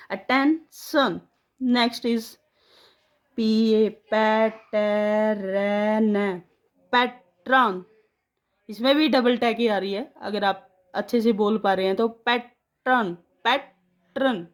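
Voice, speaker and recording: A woman leads a spelling lesson, breaking words into single letters and sounds. Her voice sits a little high, and she stretches every syllable out unhurriedly. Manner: slow, drawn-out syllable-by-syllable dictation. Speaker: English spelling teacher.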